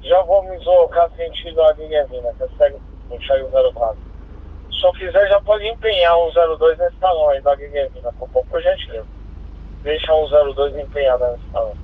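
A man's voice: a little high, a little fast, husky. A man with a Brazilian accent, a patrol officer calling in to dispatch over police radio. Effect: two-way radio transmission. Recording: tinny narrow-band police radio.

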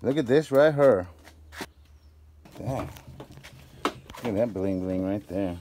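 A man's voice: lowish voice, lively intonation, slow pace, darkish tone, a little hiss or hum. A man giving upbeat running commentary while sorting and pricing items in a storage unit, filmed outdoors on a handheld phone. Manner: upbeat, appraising items aloud with prices. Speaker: storage auction vlogger.

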